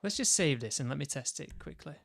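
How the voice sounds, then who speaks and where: A man's voice: on the high side, animated, a little fast, gravelly, no room sound, soft background music. Man musing aloud over a game. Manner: thinking aloud, musing to himself. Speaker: gaming video creator. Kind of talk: casual commentary while building a mission.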